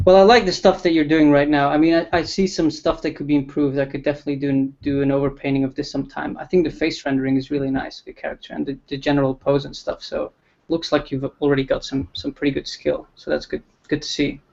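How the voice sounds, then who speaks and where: A man hosting a relaxed livestream interview, talking with frequent ums and restarts. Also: fairly high pitch, fast talker, gravelly, lo-fi sound. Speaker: livestream host.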